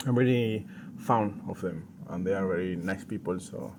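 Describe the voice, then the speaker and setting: A middle-aged Argentine man, a native Spanish speaker with a low-pitched voice, chats casually and haltingly as an interview guest. He's a professional tango dancer and teacher, speaking outdoors in a garden amid noisy ambience.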